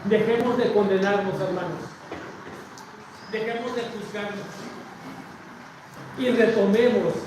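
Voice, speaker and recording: A Mexican pastor with a high-pitched voice preaches a sermon, swinging between loud declarations and hushed asides as he calls out to the congregation. He is picked up from a distance in a big, very echoey sanctuary. Steady noise sits under the recording. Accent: Mexican Spanish. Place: large church sanctuary with a balcony. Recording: very echoey church from far off, noisy.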